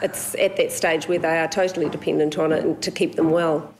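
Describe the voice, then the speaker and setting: Middle-aged New Zealand mum, very low flat voice, hesitant and earnest, faint hiss. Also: female voice, fairly quick, low-quality recording. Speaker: mother of twins. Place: home interior.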